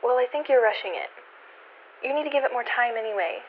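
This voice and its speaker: An actress playing a caring girlfriend giving gentle advice over the phone. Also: on the high side, animated, fast talker, faint music behind, natural voice. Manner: gentle, advising. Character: caring young girlfriend on a call. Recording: tinny phone line.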